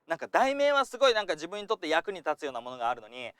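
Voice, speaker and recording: A man's voice: a little high, rapid-fire, smooth, no echo. A man giving a chatty lesson as an acting coach, talking casually and acting out little examples as he goes. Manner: lively, chatty, acts out examples.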